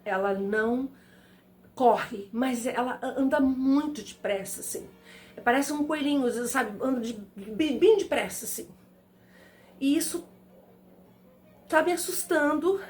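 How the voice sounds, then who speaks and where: A woman retelling a ghost story in a casual, hesitant way, repeating words and using many fillers as she searches for the next phrase. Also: on the high side. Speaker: storyteller host.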